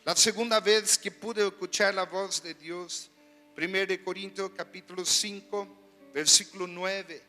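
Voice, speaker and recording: A man preaching a sermon as pastor, animated and full of rhetorical questions, in a church hall. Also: high voice, a little slow. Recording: reverberant hall with soft music.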